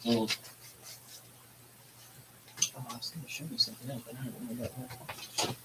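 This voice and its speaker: A man's voice: mid-range voice, flat delivery, normal speed, very noisy. A man hosting a casual hobby livestream, talking in a laid-back, rambling way with plenty of fillers. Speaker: livestream host.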